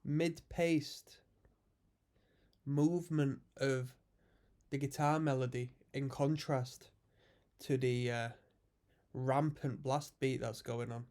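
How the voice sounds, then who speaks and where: Here a man with a medium-pitched, slightly mellow voice reacts to a metal song, speaking slowly with long pauses and fairly even intonation. He's a chatty, reflective music reaction host, stuffed up from a cold, who explains the guitars, synths and musical jargon.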